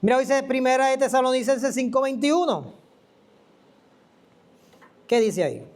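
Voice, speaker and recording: Preacher, high voice, animated and conversational, teaches by asking questions. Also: unhurried. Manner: animated, asks the listener questions and acts out quoted voices. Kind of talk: sermon. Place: church.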